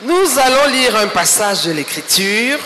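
A man preaching in French in a church, speaking slowly and emphatically, pausing for an interpreter. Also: sits high, big pitch swings, a little hiss or hum. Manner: slow, emphatic preaching, rising to shouts. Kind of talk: sermon in a church. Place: large church hall. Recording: echoey hall with faint ambience.

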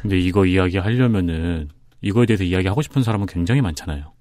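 A man with a lowish but lively voice co-hosts a podcast, chiming in with quick reactions. He talks fast, close to the mic in a dry room. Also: no echo. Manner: quick interjecting reactions and comments. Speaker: co-host. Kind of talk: casual podcast chat.

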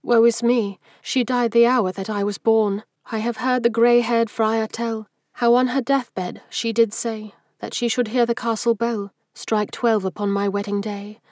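A man voicing a gentle, anxious young maiden in a dramatic poetry reading, speaking softly and pleadingly. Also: very high-pitched, little pitch movement, unhurried, few pauses, dry recording, studio quality, pitched above the performer's own voice. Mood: tender.

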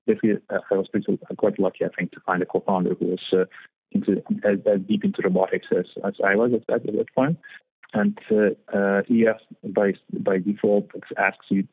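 Deep husky man from Lithuania on a tinny line. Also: dry recording. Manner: hesitant, many fillers and repeated words. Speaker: startup founder, guest. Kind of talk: interview conversation.

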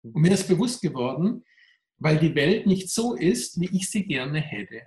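A man's voice: on the high side, very animated, unhurried, a little mellow, echoey room. A man, a mental trainer, answering interview questions candidly and reflectively, his voice pressed and tense.

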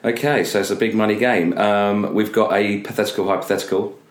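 A man's voice: fairly low pitch, steady tone, brisk. A man co-hosting a casual radio show, rambling and playful and often laughing. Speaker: radio co-host. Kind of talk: casual jokey banter. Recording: roomy studio echo.

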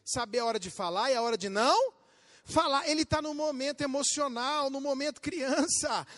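A man with a Brazilian accent preaching a sermon as a pastor, talking straight to his listeners with questions and acting out little scenes with sudden shouts. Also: very high voice, moderate pace. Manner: animated, acts out quotes and bursts into shouts; addresses listeners directly with questions.

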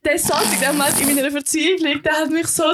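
A young woman with a Swiss German accent, co-hosting a casual chat podcast and telling stories in a lively way, acting out the voices she quotes. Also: high voice, fast, noisy background. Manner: animated storyteller, acts out quoted voices. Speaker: podcast co-host.

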